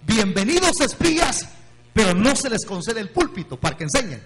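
A man preaching an evangelical sermon, passionately alternating quiet asides with shouts and calling listeners brother. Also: high voice, big pitch swings, moderate pace. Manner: impassioned, swings from quiet asides to shouted exclamations; keeps addressing listeners as "hermano". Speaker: pastor. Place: church or meeting hall. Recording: long hall reverb, faint hum.

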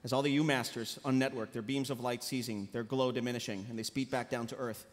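At a live table read in a large indoor convention panel room, a man reads dramatic stage directions aloud into a table microphone. His medium-pitched voice is steady and fast, and the hall sounds noisy and echoey.

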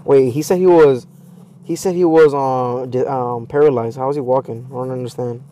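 A man's voice: medium pitch, fairly even intonation, normal speed, mellow, slight background noise. A young man giving casual horror game commentary as a streamer, scared and jumpy, exclaiming and repeating himself. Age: young adult. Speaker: gaming streamer.

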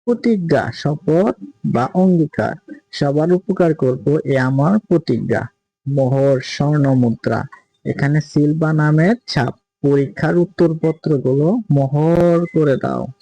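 A man teaching a primary school lesson, reading questions and answers aloud and slowly repeating words to show their pronunciation. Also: a little high, creaky, warm tone, dry recording, low-quality recording. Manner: slow, careful pronunciation drills, repeating words. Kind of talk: reading and explaining a textbook lesson.

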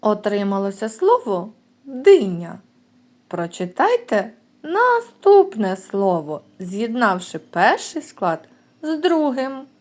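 Woman teacher, preschool lesson, lively pitch, unhurried, clearly sounded words. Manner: slow, clear, drawn-out sounds for children. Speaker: kindergarten teacher.

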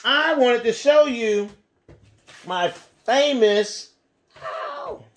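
A middle-aged man teaching young children, animated and encouraging, using simple repeated phrases and questions as if talking to toddlers. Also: extremely high pitch, unhurried, noisy background. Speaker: preschool and kindergarten teacher. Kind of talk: children's lesson addressed to young pupils. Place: small indoor room with bookshelves.

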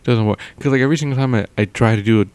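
Racing along in a smooth, slightly mellow mid-range voice, a young male vlogger talks casually into a close mic with a pop filter indoors at home. There's no room sound, and his rambling is packed with fillers and trailing thoughts.

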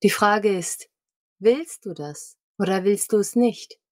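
A woman's voice: medium pitch, takes it slowly. A woman playing a squire character in a tabletop role-play, speaking in a direct, challenging way. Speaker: player.

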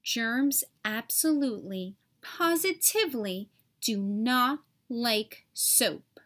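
This storybook reading comes from a woman whose voice runs somewhat high; she delivers each line with care, vivid expression, and dramatic weight.

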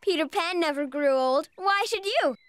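A woman's voice: very high-pitched, animated, moderate pace, dry recording. A woman voicing a dreamy, dramatic young girl in a cartoon, earnest and flowery in her wording. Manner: flowery, formal, theatrical wording. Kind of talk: animated series voice acting. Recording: music behind the voice.

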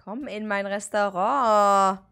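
A young woman streaming a game, commenting excitably and often breaking into shrieks and exclamations. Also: medium pitch, slow, faint music behind.

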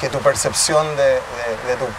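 Sitting under a tree in an urban park, a Chilean tech cofounder in his thirties answers interview questions reflectively, frequently starting phrases over. His medium-pitched voice is steady and at normal speed, with a Chilean Spanish accent. The distant camera mic also catches city traffic.

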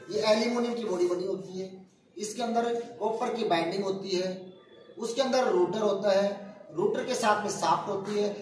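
Surrounded by standing students in a crowded indoor workshop, a high-voiced man in his forties explains a hands-on lesson step by step, often checking whether they understood. He's far from the phone camera mic, so his voice sounds distant amid echo and crowd noise.

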